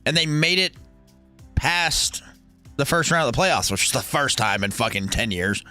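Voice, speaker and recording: A man's voice: medium pitch, normal speed, sharp tone, clean tone, soft background music. A man in his thirties hosting a casual sports watch-along livestream, bantering and swearing as he answers viewer comments. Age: 30s. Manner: profane, joking banter with chat. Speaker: livestream host.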